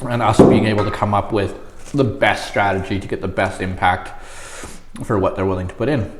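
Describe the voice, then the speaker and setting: A man's voice: lowish voice, fairly even intonation, moderate pace. A man in a casual interview, struggling to talk with his mouth burning from spicy food, teary and hiccupy. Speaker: guest, marketing agency owner. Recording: roomy echo, faint noise.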